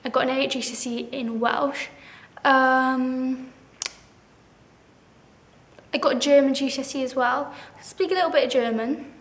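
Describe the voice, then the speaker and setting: In a casual Q&A chat to camera, a bubbly 17-year-old girl vlogger laughs at herself and uses "like" constantly. Her voice sits high with fairly even intonation, a moderate pace and frequent pauses, in an echoey room.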